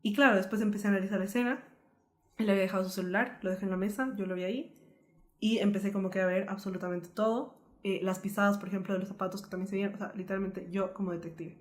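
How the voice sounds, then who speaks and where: A young woman from Colombia earnestly telling a painful personal story as a podcast co-host, in a lively, flowing way. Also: medium pitch, quick pace.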